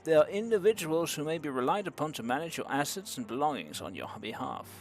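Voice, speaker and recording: A man's voice: a little high, big pitch swings, fast talker, faint music behind. A young man streaming a game, bantering sarcastically and reading the on-screen dialogue in a mock-formal voice. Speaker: streamer playing a game for the first time. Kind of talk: casual live-stream banter.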